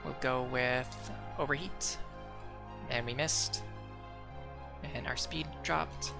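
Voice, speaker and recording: Young man, streamer, gravelly voice, rambling fillers, faint background music. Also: medium pitch, fairly even intonation, slow pace. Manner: rambling, many "like" fillers, self-correcting. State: hiccuping. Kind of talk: casual gameplay commentary.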